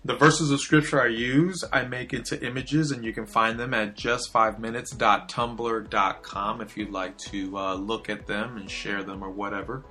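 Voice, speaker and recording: Brief: male devotional host, bright clear voice, honest and hesitant, soft music bed. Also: fairly low pitch, fairly even intonation, normal speed, hardly any pauses. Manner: earnest, confessional, hesitant with fillers. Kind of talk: casual spoken devotional.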